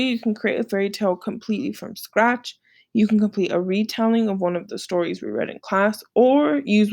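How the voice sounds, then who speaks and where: With vocal fry in her medium-pitched voice, a woman runs an informal lesson by sharing her screen and going through slides. She explains an assignment conversationally, checking in often with brief tag questions.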